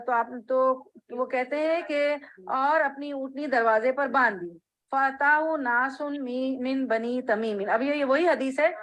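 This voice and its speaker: A woman's voice: sits high, fairly bright tone, poor audio. A woman teaching a religious class, reading a text line by line, explaining each phrase and checking that her students follow. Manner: reads Arabic then explains in Urdu phrase by phrase. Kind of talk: hadith class lecture.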